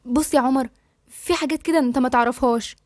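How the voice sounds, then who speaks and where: A woman with an Egyptian accent voicing a gentle young bride who talks in a calm, reassuring way and hesitates. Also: sits high, quick pace, dry recording, clean studio sound, close to an everyday voice. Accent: Egyptian Arabic.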